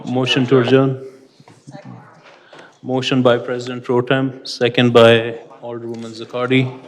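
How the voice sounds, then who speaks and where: A man chairing a city council meeting in a slow, measured, formal way. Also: mid-range voice, monotone.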